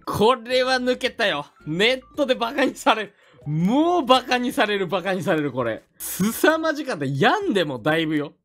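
Lively Mie-dialect man streamer. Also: high voice, moderate pace, soft background music. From Mie Prefecture, Japan. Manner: animated, rambling and jokey. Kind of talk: casual chat stream.

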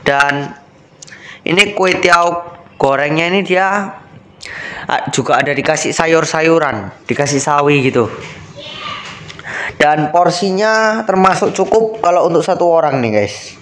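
A man's voice: fairly high pitch, measured pace, pauses often, fairly bright tone, low-quality recording. A young man, chatting casually through a food review at an outdoor cafe at night and saying "guys" again and again. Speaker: food vlogger.

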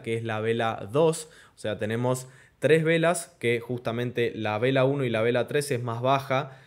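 A young man, teaching a chart tutorial and often checking in with "ok?", slowing down on key terms. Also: medium pitch. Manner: explanatory, checks in with "¿ok?" and "¿de acuerdo?"; slows down to stress key terms. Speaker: crypto trading instructor. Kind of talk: screen-share chart tutorial. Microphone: webcam in corner of screen recording.

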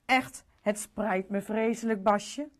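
A woman's voice: medium pitch, takes it slowly, natural voice. A woman voicing a sulky, childish king in a storybook reading for children. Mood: apologetic. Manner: whiny, then apologetic.

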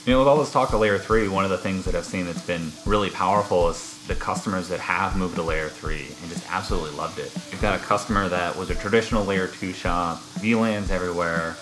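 A man's voice: sits low, fairly quick, hardly any pauses, over music, low-quality recording. A man guesting on a casual cooking show in a home kitchen, talking with enthusiasm.

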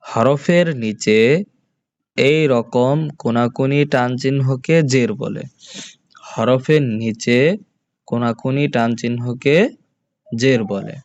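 A man teaching a reading lesson, slowly spelling out letter sounds one by one and repeating each answer. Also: mid-range voice, fairly even intonation, a little mellow, dull audio. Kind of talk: slow drilled recitation lesson.

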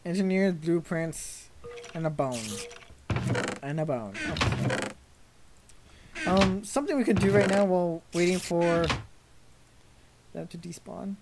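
A woman's voice: fairly low pitch, unhurried, long pauses, very noisy. A young woman commentating her gameplay casually, easily frightened and exclaiming in panic.

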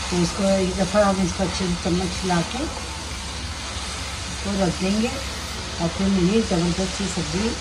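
In a very noisy clip with background music, a woman with a Pakistani Urdu accent hosts a cooking channel video, voicing over a casual demonstration in her kitchen. Her medium-pitched voice has fairly even intonation and a measured pace, broken by long pauses, as she chats through each step.

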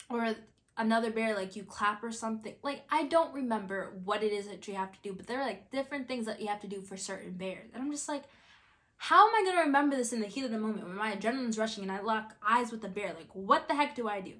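A young woman in her twenties telling a story in a casual, animated way, acting out her own quotes with lots of filler words. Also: a little high, fast. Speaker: vlogger.

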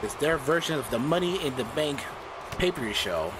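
Playing a wrestling game on stream, this man announces bouts and trades jokes with viewers while his voice fades. His slightly high, expressive voice moves a bit quickly over background noise. He's chatty and giggly throughout his lighthearted ring-style commentary.

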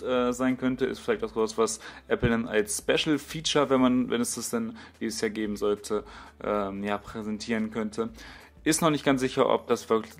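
Hesitant young man. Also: medium pitch. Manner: hesitant, many fillers and restarts. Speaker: tech YouTuber. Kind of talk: casual voice-over commentary.

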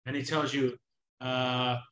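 A man narrating a tabletop game casually as game master, often halting to find his words. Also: medium pitch, little pitch movement, fairly bright tone, reverberant. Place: indoors at home, on a video call.

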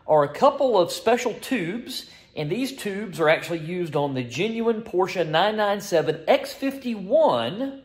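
A man in his forties running an engine shop, talking energetically in a casual vlog from a small indoor workshop, filmed with a phone held at arm's length. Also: fairly high pitch. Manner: energetic, salesman-like, blunt. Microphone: phone camera at arm's length.

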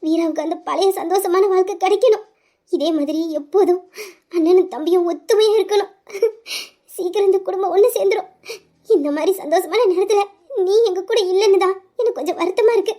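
Audio drama: performer as a weepy gentle father, very high and mellow. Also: a little fast. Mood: tearful joy. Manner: speaks through tears and laughter. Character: aging father, gentle, emotional. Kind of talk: amateur Tamil audio drama.

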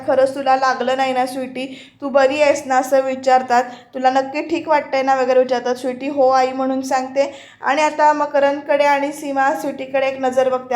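Her high, slightly mellow voice carries a roomy sound as she narrates a voice-over recap of a TV serial episode. She talks straight to her viewers, recounting scenes and quoting each character's lines with barely any change of voice.

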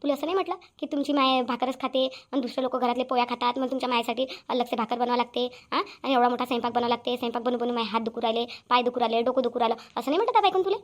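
A sharp-tongued older mother-in-law from a cartoon, scolding at a breakneck pace in a high voice, as a woman puts her on. She fires accusing question after question and never lets up. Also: rapid-fire, hardly any pauses, lightly acted. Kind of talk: cartoon voice acting.

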